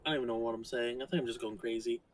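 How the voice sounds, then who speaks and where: A man chatting casually while playing a video game with a friend, rambling and animated, with lots of fillers. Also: medium pitch, very fast, slight background noise, poor audio. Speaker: gaming co-host.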